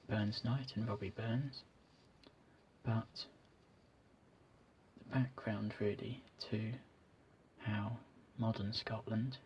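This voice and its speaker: A man talking in a soft ASMR whisper as a YouTuber, signing off to his viewers. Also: lowish voice, muffled recording, slight background noise.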